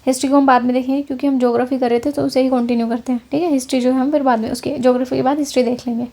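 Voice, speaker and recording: High, mellow-voiced woman teaching exam prep. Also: flat delivery, rapid-fire. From Haryana, India. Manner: conversational, checks in often with filler words. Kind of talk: casual lecture over slides.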